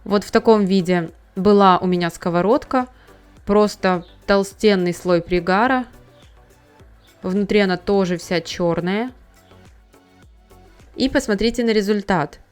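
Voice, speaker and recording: A woman talks through a household cleaning task in a calm, instructive voice-over, one step at a time. Her pitch sits in an ordinary middle range. Soft music plays faintly behind her. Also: moderate pace, clean tone. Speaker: home cleaning tips host. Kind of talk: scripted how-to voice-over.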